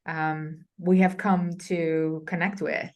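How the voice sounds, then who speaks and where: A woman from Romania, appearing as a scholar guest, with a somewhat low voice for a woman. She tells her stories conversationally, stopping to restart and filling gaps with ums. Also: little pitch movement, takes it slowly, muffled recording. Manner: hesitant, with many fillers and restarts. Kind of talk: conversational storytelling.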